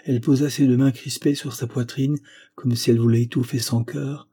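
A male audiobook narrator reading a classic novel in a measured, steady way. His voice is dark and mellow, with a husky grain. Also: medium pitch.

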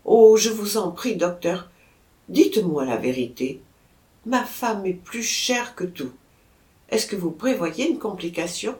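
An anxious, courteous husband pleads with the doctor in a storybook reading, voiced by a woman narrator. His words come slowly, with a lively, rising and falling pitch. The recording carries a roomy echo. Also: close to an everyday voice. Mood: pleading. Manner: imploring, urgent. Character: anxious middle-aged husband, pleading and polite.

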